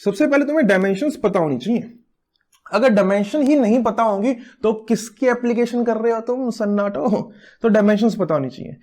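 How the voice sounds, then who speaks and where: A man's voice: high voice, normal speed, darkish tone. Playful, teasing man teaching physics. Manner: playful, teasing, self-mocking. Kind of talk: recorded classroom lecture.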